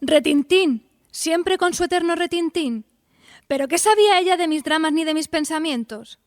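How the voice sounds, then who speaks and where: In a theatrical first-person radio drama monologue, the narrator and lead voices a romantic, self-dramatising young single woman of the 1890s, high-voiced and melodramatic. She's coquettish and confiding, at a moderate pace, on a dry recording.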